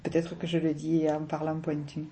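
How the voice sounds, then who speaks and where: A middle-aged woman from the south of France tells her story in a casual interview, her southern French accent clear in every phrase. Her voice sits low and mellow. She talks freely, laughs often and stops on little fillers as she searches for words. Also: monotone, moderate pace, a little hiss or hum. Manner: chatty, laughs often, hesitant with many fillers. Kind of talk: casual personal conversation.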